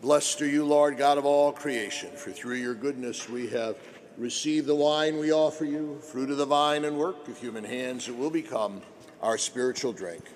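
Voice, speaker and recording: A male priest leads Mass in a solemn, measured manner, with a medium-pitched voice. His words come in short, deliberate liturgical phrases over a faint bed of background noise. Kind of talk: homily and liturgical prayer. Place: church during Mass.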